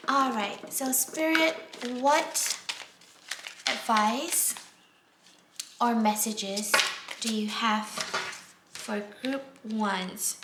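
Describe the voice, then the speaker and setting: A soft-spoken woman from Singapore with a fairly high voice gives a casual pick-a-card tarot reading, speaking slowly. She's gentle and unhurried, uses many fillers, and drops to a near whisper while drawing cards, in an echoey room with faint background noise.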